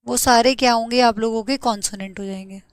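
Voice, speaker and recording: A young woman teaching an English grammar lesson to exam students, asking and answering her own questions and spelling out letters slowly. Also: a little high, steady tone, smooth, no room sound.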